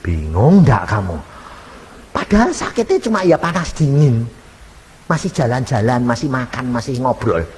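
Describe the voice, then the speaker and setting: A man's voice: mid-range voice, very animated, moderate pace, darkish tone. A man preaching a storytelling sermon, acting out conversations in shifting voices. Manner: acts out dialogues in shifting voices. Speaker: evangelist preacher. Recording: hall reverb, faint hiss, old MP3.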